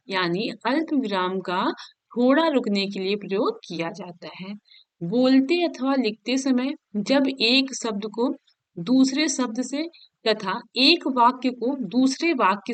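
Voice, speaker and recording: A woman teaching a Hindi grammar lesson for exam prep. She reads each definition slowly, then explains it again in everyday words, often checking "okay?". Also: a little high, dry recording. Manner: explains each point twice, keeps asking "ठीक है?".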